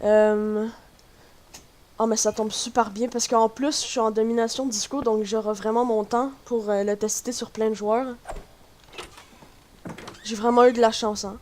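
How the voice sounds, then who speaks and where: A woman with a Quebec French accent giving chatty, excitable commentary on her gameplay to her viewers. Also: a little high, unhurried, long pauses. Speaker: gaming YouTuber. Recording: noisy home recording.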